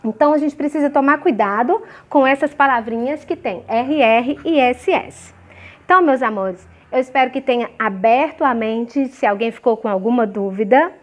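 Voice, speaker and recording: A woman teaching a grammar lesson to young children, sounding out example words syllable by syllable and often checking "ok?" and "certo?". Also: on the high side. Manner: slow, clearly syllabified examples with frequent checking questions. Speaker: primary school teacher.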